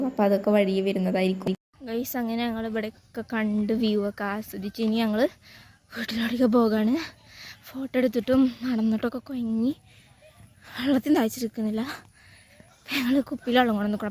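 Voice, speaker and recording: Casual female vlogger, Kerala Malayali accent, slightly high voice, code-mixes Malayalam and English, clearly noisy ambient recording. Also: dark tone. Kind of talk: casual vlog narration.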